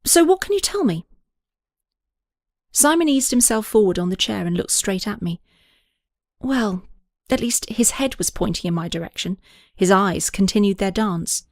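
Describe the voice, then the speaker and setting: A woman's voice: medium pitch, normal speed, no echo. Woman narrating an audiobook, dry sound.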